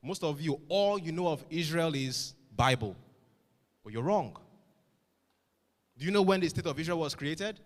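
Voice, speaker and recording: A man's voice: fairly high pitch, animated, normal speed, long pauses. Middle-aged man, motivational speaker, firm and rhetorical, lots of hall reverb. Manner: emphatic, rhetorical questions, swings loud and soft. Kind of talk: motivational address to students.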